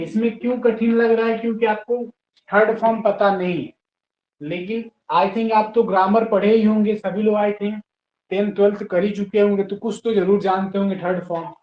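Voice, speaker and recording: A man's voice: high voice, steady tone, normal speed. A man teaching English to a class, patiently spelling words out letter by letter and encouraging his students. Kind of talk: classroom lesson. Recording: roomy, dull lo-fi classroom recording.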